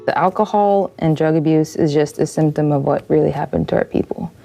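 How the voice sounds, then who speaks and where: A woman's voice: sits low, a little fast, vocal fry, dark tone. A woman from California's Viejas Reservation, speaking earnestly and directly in a documentary interview. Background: faint music.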